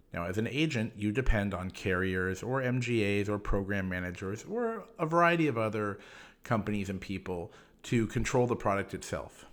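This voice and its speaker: A man hosting a solo explanatory podcast, talking in a measured, instructive way. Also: lowish voice. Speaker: podcast host.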